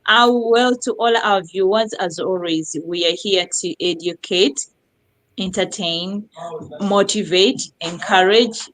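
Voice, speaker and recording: A middle-aged woman from Uganda hosting a live online talk show, lively and effusive, repeating words for emphasis. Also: mid-range voice, takes it slowly, low-quality recording. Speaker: host.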